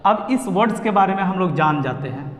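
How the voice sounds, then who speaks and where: A man teaching an English pronunciation lesson, spelling letters out and repeating each word slowly. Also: sits high, animated. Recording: echoey room with long reverb.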